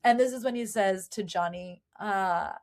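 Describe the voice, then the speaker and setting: A woman hosting a casual book-discussion podcast, chatty and animated, with fillers. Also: mid-range voice, normal speed. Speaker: podcast host.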